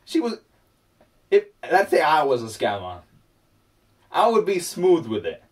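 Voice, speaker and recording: A man's voice: on the high side, huge pitch swings, a little slow, distant mic. A man vlogging casually while he paints, rambling and talking to himself.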